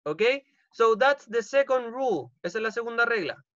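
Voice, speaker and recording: A man's voice: very high voice, expressive, normal speed, fairly bright tone, dry recording. Man, Chilean accent, bilingual teacher, dry dull video-call sound, patient step-by-step explaining. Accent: Chilean Spanish. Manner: explains each rule in English then repeats it in Spanish, checking with "ok?". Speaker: English teacher. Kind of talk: bilingual online class. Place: home. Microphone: computer mic on a video call.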